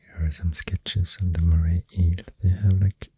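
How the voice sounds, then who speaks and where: Pencil scratches and clicks sit behind a Swedish-accented ASMR host who whispers close to the microphone, breathy and hushed, drifting through facts with leisurely pauses. The voice sits low and level, with no echo.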